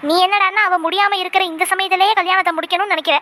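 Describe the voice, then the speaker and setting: A woman's voice: very high-pitched, fairly even intonation, racing, sharp tone, a little hiss or hum. A woman voicing a fierce, protective middle-aged mother in a comic cartoon, scolding and threatening. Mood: boastful. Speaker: mother character.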